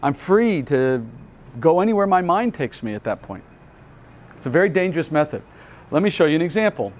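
A man's voice: a little high, very animated, brisk, darkish tone. A male pastor giving a Bible teaching at a conference, explaining earnestly step by step and asking rhetorical questions. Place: conference hall.

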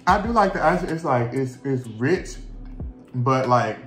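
A man's voice: mid-range voice, animated, a little slow. A man hosting a sweets mukbang, chewing while he talks in a casual, rambling way. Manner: casual, chatty, rambling with restarts. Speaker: mukbang host. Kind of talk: casual chat while eating. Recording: echoey room with music playing.

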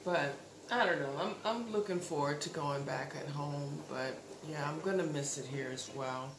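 A woman in her thirties with a low voice chats casually to her camera in her living room, speaking at a measured pace. Her vlog rambles, full of fillers and restarts. The camera mic sits close, but the room gives a roomy echo and background noise is audible.

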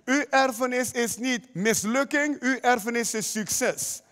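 A man's voice: very high voice, measured pace, a bit bright, smooth, in a large hall. A man preaching a sermon as pastor, emphatic, often putting direct questions to the congregation. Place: church hall.

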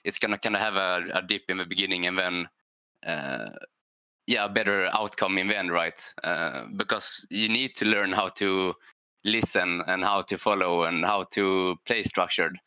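Man, deep and bright-edged, talking on a gaming panel; thoughtful, hesitant, lots of "um" and "right?". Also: steady tone, normal speed, clean tone, dry recording. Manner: thoughtful, hesitant, with many fillers and "right?" tags. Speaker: esports player on a structured team. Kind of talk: panel discussion on a gaming show.

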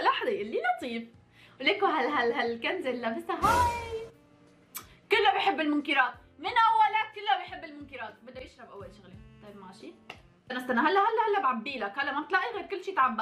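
Lively high-voiced young Levantine woman. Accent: Levantine Arabic. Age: 20s. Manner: animated, teasing, mock-angry outbursts to viewers. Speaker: vlogger. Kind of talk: playful gameplay commentary.

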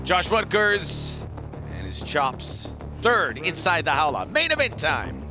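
High-voiced man calling a fight. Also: huge pitch swings, a little slow. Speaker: play-by-play commentator. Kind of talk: live sports commentary. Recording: music behind commentary. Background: music.

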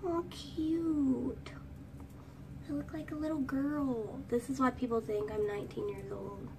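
A vlogger with a high, girlish voice and gravelly edges does a chatty get-ready-with-me storytime, rambling and singing snatches of songs in a steady, unhurried tone. She's filmed on a phone camera held at arm's length, so the mic sounds distant, with faint room ambience and background noise.

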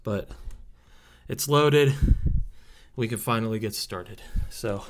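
Guy mumbling to himself, winded, slow and self-deprecating, kinda noisy background. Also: fairly low pitch, roomy sound. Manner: muttering, self-deprecating, out of breath. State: out of breath. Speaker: YouTuber. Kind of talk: casual vlog chatter to himself.

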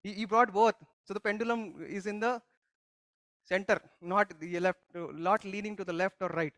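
High-voiced man preaching a conversational sermon. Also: steady tone, normal speed, fairly bright tone, dry recording. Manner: teaching with frequent questions to the congregation and many restarts. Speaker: pastor. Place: church service.

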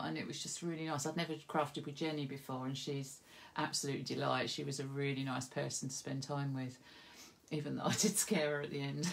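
A woman's voice: low voice, creaky. A woman hosting a craft video, chatting and giggling through rambling stories, a little stuffy from hay fever. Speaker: craft tutorial host. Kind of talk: casual chat to viewers.

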